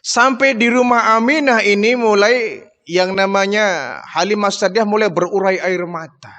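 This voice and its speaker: A male Islamic preacher telling a religious history story in an expressive, dramatic way. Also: high voice, unhurried. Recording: long hall reverb.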